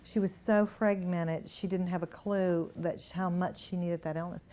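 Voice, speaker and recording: A woman energy healer giving a live talk to an audience in a room, telling animated anecdotes and chuckling as she goes. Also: on the low side, normal speed. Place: indoor room with a gathered audience.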